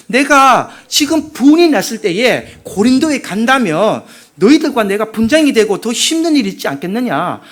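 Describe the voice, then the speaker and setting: A male pastor with a Gyeongsang accent, preaching a sermon with humor and questions put to the congregation. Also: sits high. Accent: Gyeongsang Korean. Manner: lively preaching, asking the congregation questions, humorous personal stories.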